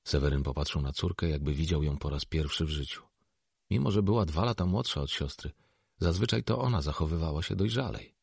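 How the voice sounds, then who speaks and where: A man narrating a novel as an audiobook, in a measured, even storytelling manner. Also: a bass voice, vocal fry, husky, no room sound, studio quality. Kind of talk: scripted narration.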